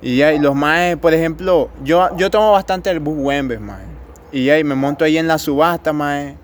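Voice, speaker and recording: A man's voice: fairly high pitch, moderate pace. A young man with a Nicaraguan accent telling joking anecdotes in crude casual chat, acting out quoted lines.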